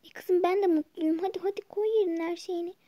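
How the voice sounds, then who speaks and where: A caring but strict young mother in a toy role-play game, put on by a girl. Her voice sits very high and light. She fusses and scolds her daughter, warning her again and again. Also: fairly even intonation, brisk, warm tone. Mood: calm. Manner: scolding, fussing.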